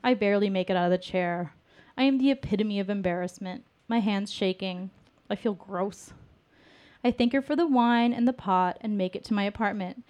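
A woman's voice: mid-range voice, moderate pace, darkish tone. Candid, self-mocking woman storyteller. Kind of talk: personal storytelling to an audience.

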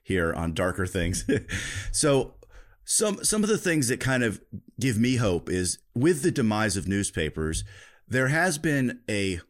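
A male podcast host interviewing a guest in a relaxed, thoughtful way, often restarting his sentences. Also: lowish voice, a little slow. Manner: thoughtful, with frequent restarts and fillers. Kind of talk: conversational interview.

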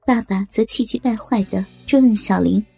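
A woman's voice: mid-range voice, moderate pace, vocal fry, mellow, husky, faint music behind. A woman reading a dramatic family story aloud as a storyteller. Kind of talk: scripted story narration.

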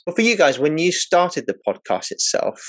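A man's voice: a little high, sing-song, normal speed, no echo. A man hosting a podcast interview, asking long rambling questions with restarts and self-corrections.

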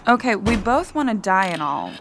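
A woman's voice: mid-range voice, normal speed, creaky, background noise. An actress playing a crude, upbeat hungover young woman who swears freely. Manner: brash, profane, animated.

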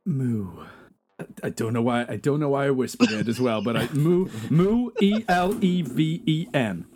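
A man's voice: mid-range voice, moderate pace, a little mellow, a little hiss or hum. A man playing a word game, teasing the others and explaining what went wrong. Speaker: game player. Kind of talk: casual game chat.

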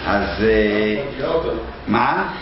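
A man teaching a Bible lesson to a class, talking haltingly with many restarts and fillers. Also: fairly low pitch, expressive, heavy reverb, dull audio, noisy background. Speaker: Torah teacher.

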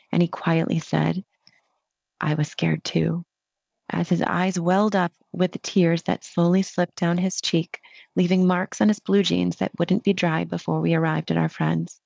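Woman, lowish pitch, gravelly edge, reading a personal essay, heartfelt, measured, dry sound. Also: darkish tone, dry recording. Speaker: author reading her own essay.

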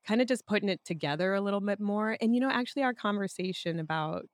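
A woman co-hosting a podcast, hoarse and raspy from a cold, chatting in a reflective way with many fillers. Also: medium pitch, fast, no room sound, clean studio sound. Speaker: podcast co-host. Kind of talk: casual chat.

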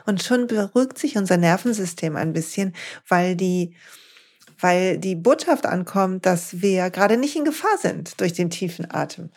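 A woman hosting a podcast, talking eagerly about yoga and slowing down to guide listeners through breathing exercises. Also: lowish voice, lively intonation, darkish tone, slightly rough. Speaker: podcast host and yoga teacher.

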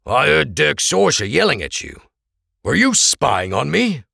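A man voicing a tense, guarded young man who is quick to anger. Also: fairly high pitch, very animated, creaky, pushed and bright, no room sound, studio quality, pitched above the performer's own voice, heavily acted. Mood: wary.

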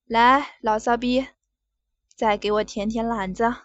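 A woman's voice: fairly high pitch, fairly even intonation, measured pace, dry recording, lightly acted. A woman voicing a crude, bossy male boss. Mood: coarse, loud. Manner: loud, coarse commands. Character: crude, domineering middle-aged male bank manager. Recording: dull lo-fi audio, dry.

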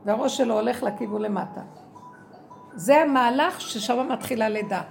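Woman, fairly high and gravelly, delivering an emotional spiritual testimony with big swings in volume. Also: soft background music. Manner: emotional, swings from low murmurs to loud cries; recounts inner dialogue in quoted speech. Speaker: speaker in a religious talk.

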